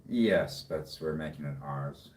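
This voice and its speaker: A man's voice: rumbling low, a little slow, darkish tone. A man, chatting casually in a laid-back, rambling way. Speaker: co-host and hobby music producer. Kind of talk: casual chat. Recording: roomy, distant, faint background noise.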